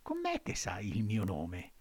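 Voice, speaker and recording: A man's voice: fairly low pitch, huge pitch swings, unhurried, darkish tone, no echo, studio quality, voice pushed down, full character voice. A man voicing a naive, boastful wooden puppet boy in a storybook reading. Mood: eager.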